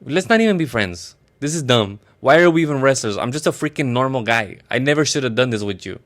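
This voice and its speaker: A man's voice: mid-range voice, animated, a little fast, fairly bright tone, lightly acted. A man voicing a clumsy, hopeful male friar wrestler who talks in a whiny, rambling, profane way. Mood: angry.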